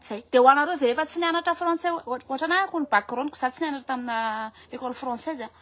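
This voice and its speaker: A woman with a Malagasy accent, talking in a lively casual monologue and switching languages often. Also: sits high, racing. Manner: animated, switching between French and Malagasy, many restarts. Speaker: vlogger.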